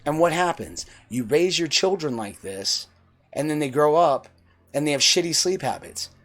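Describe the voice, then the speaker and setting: A man in his forties lectures bluntly, swearing freely as he drives his point home. His voice sits a little high for a man. Faint music plays softly under him. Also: expressive, moderate pace. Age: 40s. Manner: blunt, profane, preachy. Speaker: vlogger. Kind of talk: opinionated monologue.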